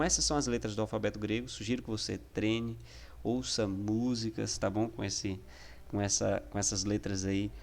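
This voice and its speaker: A man's voice: on the low side, gravelly, slight background noise. A man with a Brazilian Portuguese accent teaching an online lesson, explaining patiently and often checking in with the listener.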